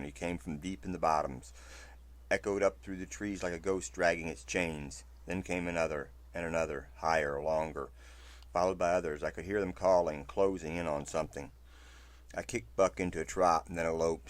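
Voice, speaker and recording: A man reading a first-person western story aloud, in a steady, low narration. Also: moderate pace, no room sound.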